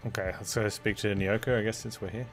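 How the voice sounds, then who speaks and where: Low-pitched man, casual game streamer. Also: fairly even intonation, fast. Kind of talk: casual livestream chat.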